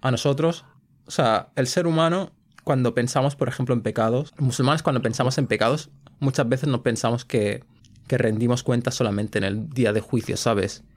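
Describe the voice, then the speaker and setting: A man's voice: medium pitch, moderate pace. A young man hosting a podcast, talking earnestly in laid-back slang. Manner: earnest, laid-back slang, frequent "¿sabes?" and English fillers. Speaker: podcast host. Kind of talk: casual chat.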